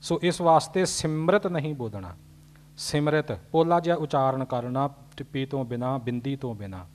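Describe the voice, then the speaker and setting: A man's voice: mid-range voice, normal speed, a little mellow. A man teaching scripture pronunciation, patiently explaining corrections. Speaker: recitation teacher. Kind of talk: pronunciation lesson.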